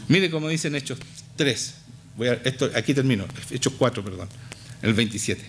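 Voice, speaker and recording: A middle-aged man with a Chilean Spanish accent preaching a passionate sermon in a church, swinging from low to high with emphatic repetition. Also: animated, moderate pace, a little hiss or hum. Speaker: pastor.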